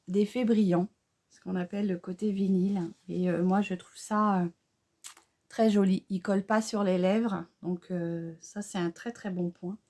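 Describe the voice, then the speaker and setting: A middle-aged woman, chatting homely and unhurried through a makeup tutorial, with fillers and self-corrections. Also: medium pitch, warm tone. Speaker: beauty vlogger. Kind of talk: casual makeup tutorial chat.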